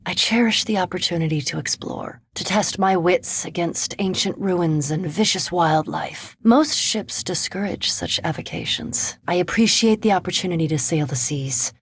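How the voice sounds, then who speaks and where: Here the actress gives the scholarly vampire animancer a husky, fairly low female voice with no echo, sounding earnest and curious. The character remains cool, precise and formal, with a dry reserve.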